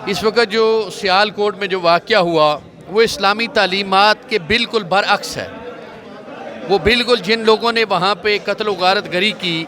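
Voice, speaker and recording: A male religious scholar answers a reporter's questions outdoors in a measured, sermon-like cadence, citing scripture as he goes. His voice sits high and sounds bright and forceful, picked up on a handheld mic in a city setting. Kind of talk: street interview answers.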